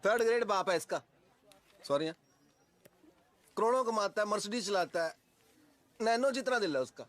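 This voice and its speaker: A man's voice: high voice, lively intonation, normal speed, a bit bright, no echo. An actor playing a cocky young male driver who has run off with his boss's daughter, talking in a joking, boastful way. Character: brash young male driver, cheeky eloper. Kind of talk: Hindi film acting. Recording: film audio with background score.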